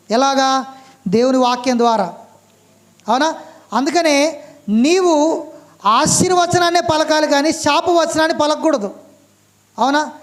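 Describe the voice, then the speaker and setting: A man preaching a sermon, stressing each point and asking his listeners "right?" again and again, reading scripture slowly. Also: very high voice. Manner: slow, emphatic scripture reading.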